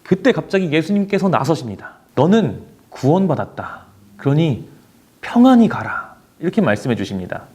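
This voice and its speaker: Young man, youth pastor, lively storytelling sermon, animated pitch, mellow tone. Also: moderate pace, husky. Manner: dramatic storytelling, voices inner thoughts. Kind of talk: sermon to teenagers.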